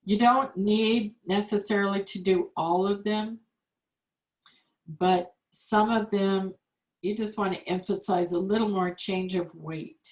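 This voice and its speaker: Slow, patient woman teaching calligraphy. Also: mid-range voice, steady tone, a little mellow. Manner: slow, patient step-by-step instruction. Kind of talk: online art class demonstration. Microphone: video call. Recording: echoey room on a video call.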